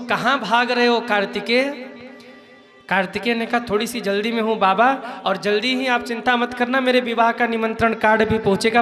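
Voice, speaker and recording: A man with a high voice tells a devotional story as a sermon, acting out each character's lines and slipping into song. Soft music plays faintly behind him. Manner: storytelling with acted dialogue and sung lines. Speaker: kathavachak preacher.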